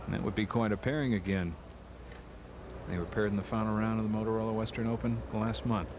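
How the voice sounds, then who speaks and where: A man's voice: fairly low pitch, steady tone, quick pace. A man working as a golf commentator, giving live commentary on tournament play over outdoor noise. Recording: noisy outdoor broadcast.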